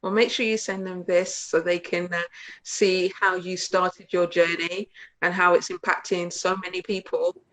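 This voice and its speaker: A woman's voice: fairly low pitch, level tone, moderate pace, a bit bright, low-quality recording. A woman hosting a conversational interview, talking earnestly and repeating phrases for emphasis. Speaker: host.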